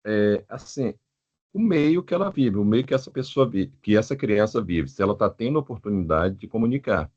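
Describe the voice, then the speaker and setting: A man's voice: fairly low pitch, expressive, brisk, darkish tone, muffled recording. A Brazilian man taking part in a training session, answering hesitantly as he thinks aloud. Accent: Brazilian Portuguese. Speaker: workshop participant. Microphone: video call.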